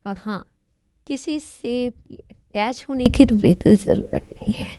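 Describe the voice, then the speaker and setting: A woman's voice: fairly high pitch, a little slow, mellow, no room sound, studio quality. A woman dubbing the part of a cold, threatening young mafia man who gives curt commands. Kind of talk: fan Hindi dub of a love story.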